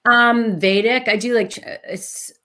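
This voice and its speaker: A woman talking casually and reflectively, explaining things in an earnest, animated way. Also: fairly high pitch, a little slow. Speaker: talk host.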